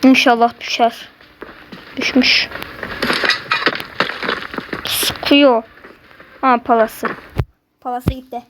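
A woman doing live gameplay commentary, excitable and quick to fly into frustrated outbursts at her opponents. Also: on the high side, background noise. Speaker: gamer.

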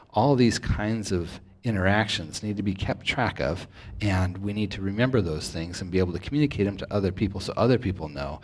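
A man hosting a studio talk show, explaining ideas at length in a steady lecturing manner at a table mic. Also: deep voice. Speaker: host. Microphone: stand mic at table.

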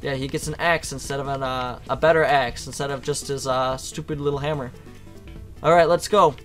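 A man chatting casually while playing a co-op game, laid-back and getting excitable in fights. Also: medium pitch, brisk. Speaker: gamer. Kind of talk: co-op gaming commentary. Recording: faint game music behind.

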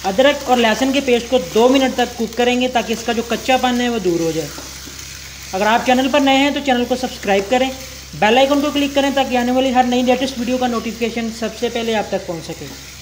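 A man's voice: very high voice, brisk, slight background noise. A young man hosting a cooking channel, explaining a recipe step by step in a polite, formal way with religious greetings.

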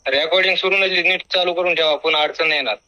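High-pitched, sharp man arguing by phone. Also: very fast, no echo. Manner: confrontational, insistent, interrupting, badgering with questions. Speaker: caller confronting the other man. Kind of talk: heated argument on a phone call. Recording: over a phone line, dry. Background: voice on a phone call.

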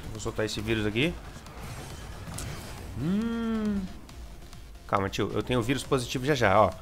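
A young Brazilian man with a Brazilian Portuguese accent commenting on his gameplay casually, excitable and repeating words, with sudden shouts. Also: mid-range voice, a little slow, music in the background. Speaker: gameplay streamer.

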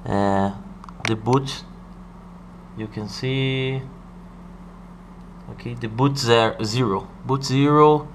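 A Brazilian hobbyist with a Brazilian Portuguese accent walks through his hardware setup in halting English at a desk indoors, giving a hands-on tutorial. He often stops to ask "okay?" and fills pauses with "uh." His voice is medium-pitched, and there's a little hiss or hum in the recording.

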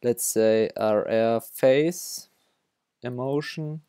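Halting and full of restarts and self-corrections, a young developer tutorial host from Germany talks through code on his screen in a German accent. His mid-range voice is dark, clear and resonant, recorded at studio quality with no echo.

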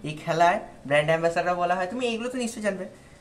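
A woman's voice: on the low side, expressive, rapid-fire. Woman from India coaching students. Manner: speaks directly to students, patient and explanatory. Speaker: tutor giving exam advice. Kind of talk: instructional talk to viewers.

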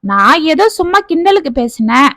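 A woman's voice: high-pitched, big pitch swings, moderate pace, no room sound, exaggerated voice. Woman voicing a patient old grandmother. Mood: gentle. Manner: soothing, reasoning gently. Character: caring older grandmother, patient wife.

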